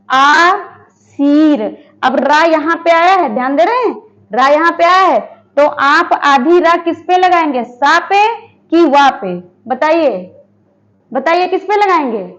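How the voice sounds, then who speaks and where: A woman teaching a Hindi lesson for exam preparation. She asks her students questions, answers them herself and repeats each word slowly. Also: high voice, dull audio. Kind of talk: online exam-prep lesson.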